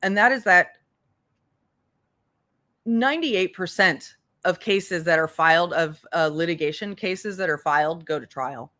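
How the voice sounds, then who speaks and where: Slightly slow and forceful, her lowish voice still has a bright tone. She is a livestream host and legal commentator whose casual, unscripted remarks come out blunt, profane and exasperated, with points repeated for emphasis.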